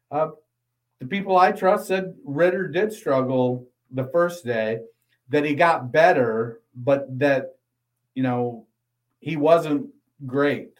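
A man with a slightly higher voice co-hosts a casual football podcast. He talks in a measured, analytical way, weighing one point after another. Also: poor audio. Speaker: podcast co-host. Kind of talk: casual sports talk and ad read.

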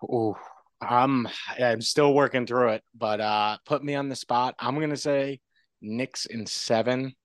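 A man, a guest sportswriter, chatting casually on a podcast in a relaxed, rambling way with frequent restarts. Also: medium pitch, unhurried, no echo.

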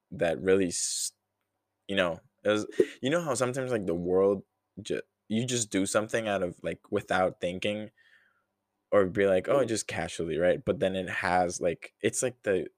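A man's voice: low voice, no echo, studio quality. A young man in his early twenties hosting a casual solo podcast, rambling and chatty, with frequent sighs and laughs. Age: early 20s. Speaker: podcast host.

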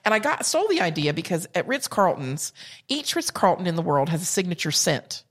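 Southern woman, low-ish voice, lively comic storyteller for casual podcast banter. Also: fairly quick. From South Carolina and Georgia. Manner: animated, humorous storyteller. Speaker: podcast co-host.

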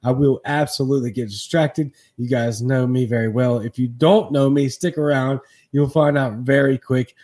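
A man's voice: medium pitch, warm tone, slightly rough. A man from Louisiana hosting a live interview stream, informal and candid, with rambling asides. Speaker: interview show host.

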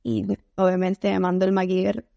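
A woman from Costa Rica with a Costa Rican accent, a podcast guest telling lively stories in casual conversation. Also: mid-range voice, normal speed, vocal fry, no echo, clean studio sound. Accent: Costa Rican Spanish. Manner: animated, expressive storytelling with laughter. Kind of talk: casual interview chat.

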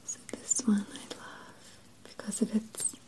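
A woman whispering softly and slowly as a perfume shop assistant in an ASMR roleplay, close to the microphone. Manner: soft unvoiced whisper, slow and soothing.

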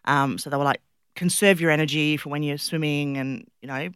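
A middle-aged woman with an Australian accent, chatting and telling stories as an interview guest in an animated, self-deprecating way. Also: low-pitched, fairly quick, clean tone, no echo, studio quality. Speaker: interview guest, public speaker and former competitive swimmer. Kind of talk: casual conversational interview, storytelling.

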